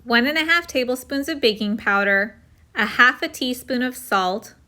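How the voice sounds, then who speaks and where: A woman's voice: fairly high pitch, normal speed, pushed and bright. A woman hosting a home cooking video, talking through a recipe step by step in a casual, friendly way.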